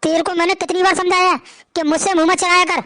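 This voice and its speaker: A woman's voice: very high voice, steady tone, fast, pushed and bright, slight background noise. A woman voicing a drunk, short-tempered young husband who scolds harshly. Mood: angry.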